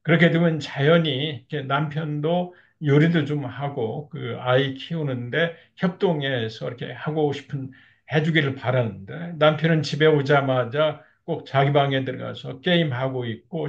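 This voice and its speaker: Male marriage counselor, lecture delivery, gravelly, slightly muffled lo-fi audio. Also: medium pitch. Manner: steady explanatory tone with frequent fillers like "이렇게". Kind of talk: lecture on couple communication.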